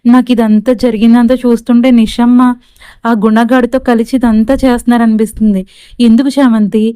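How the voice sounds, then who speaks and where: A woman's voice: fairly high pitch, dark tone, smooth, no echo, lightly acted. A woman voicing a devoted young wife who is earnest and wary, talking in a respectful way.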